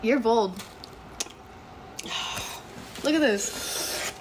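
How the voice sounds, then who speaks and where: A woman's voice: a little high, lively intonation, extremely slow, background noise. A young woman with a Chicago accent, a guest chatting playfully and giggling while tasting hot sauce. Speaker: guest, host's best friend.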